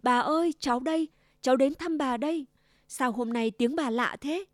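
Cheerful little girl in red, voiced by a woman, raised high pitch, polite and eager, storybook, dry close sound. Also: animated, moderate pace, no echo. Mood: sweet.

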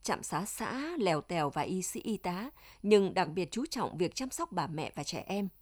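A woman narrating an audiobook in a steady, measured way. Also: fairly low pitch.

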